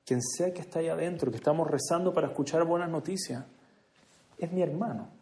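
A man giving an earnest religious speech to a gathering, moving between hushed and emphatic delivery. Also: fairly high pitch, fairly quick. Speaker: speaker at a community prayer gathering. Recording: echoey room.

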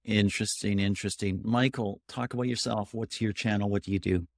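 A man hosting a video-call interview with several guests, moderating briskly. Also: on the low side, fairly even intonation, no echo, studio quality. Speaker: podcast host.

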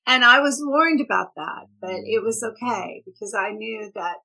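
A woman's voice: fairly high pitch, expressive, measured pace, gravelly, pushed and bright, rough recording. A middle-aged woman from Oklahoma, raised in Texas, with a Texan accent lightly polished by British stage work, chatting as an interview guest, talkative and often laughing. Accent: Texan with a slight British stage polish. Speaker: guest author. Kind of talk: casual interview chat.

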